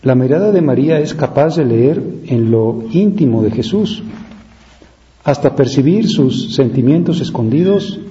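A man preaching a reflective devotional sermon, slow and thoughtful, asking rhetorical questions with pauses between them. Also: mid-range voice, animated, warm tone, lo-fi sound.

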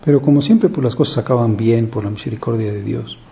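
A priest giving a reflective, conversational meditation on a gospel reading, pausing often and speaking in a gentle, searching way. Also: male voice, medium pitch, vocal fry. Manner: reflective, conversational preaching with many pauses and fillers. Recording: slightly dull, faint background noise.

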